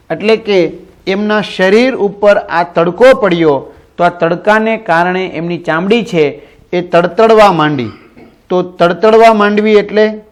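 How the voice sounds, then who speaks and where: A male teacher explaining a story line by line. He repeats phrases and keeps asking quick check questions. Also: sits high. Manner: repeats lines and asks rhetorical check questions. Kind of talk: primary-school Gujarati lesson explaining a story.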